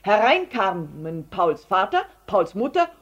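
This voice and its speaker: A woman reading a children's story aloud, expressive, sometimes dropping to a whisper. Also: medium pitch, slightly rough, lo-fi sound. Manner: expressive, slow, drops to whispers.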